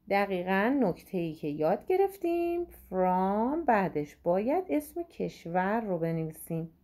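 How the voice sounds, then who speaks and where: A woman teaching, going through exam questions, saying English words slowly and explaining quickly in between. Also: mid-range voice, dark tone.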